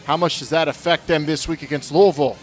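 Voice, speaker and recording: A man co-hosting a casual sports podcast, energetic and chatty, running through questions and sponsor reads. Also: a little high, fast, faint music behind. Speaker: podcast co-host. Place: at home, remote recording.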